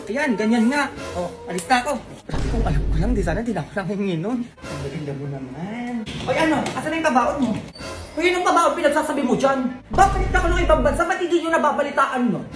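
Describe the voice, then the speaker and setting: A woman performing comic sketches, bantering and teasing in a gossipy way. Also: sits high. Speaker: comedy skit performer.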